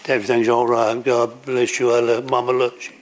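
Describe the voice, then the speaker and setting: A man voicing a gentle mother fussing over her child, in a soothing, coaxing way. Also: medium pitch, level tone, brisk, natural voice.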